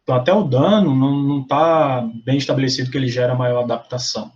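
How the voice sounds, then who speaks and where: A man with a Brazilian Portuguese accent explains material to a study group, pausing often to correct himself and search for words. His voice sits at an ordinary pitch and comes through dull and lo-fi, like an online call. The tone is that of an academic lecture. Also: steady tone. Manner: explanatory, frequent fillers and self-corrections. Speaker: lab meeting presenter.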